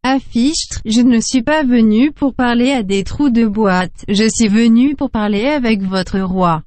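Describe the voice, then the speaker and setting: A woman's voice: a little high, unhurried, a little mellow, dry recording, close to an everyday voice. Woman playing a translation machine, formal, precise, mechanical, dry studio sound. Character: prim female translation machine.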